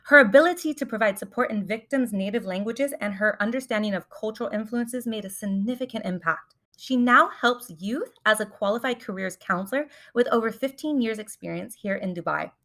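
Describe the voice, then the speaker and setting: A woman's voice: mid-range voice, a little fast, fairly bright tone. A woman hosting a podcast, reading an enthusiastic introduction and then chatting with her guest. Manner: enthusiastic, upbeat. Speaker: podcast host. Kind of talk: scripted intro then casual interview.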